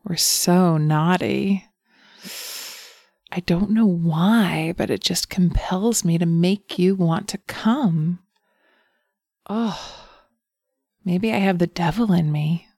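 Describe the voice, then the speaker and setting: A woman voicing a seductive, wicked female succubus in an erotic audio roleplay, teasing and breathy, sometimes dropping into whispers close to the mic. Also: fairly low pitch, slow pace, long pauses, dark tone, dry recording, full character voice.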